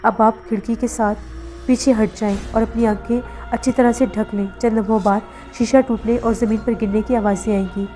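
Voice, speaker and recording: A woman's voice: a little high, fairly even intonation, warm tone, faint music behind, natural voice. A woman reading the lines of a confident old male faith healer in a horror story. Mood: calm, assuring. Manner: confident, reassuring.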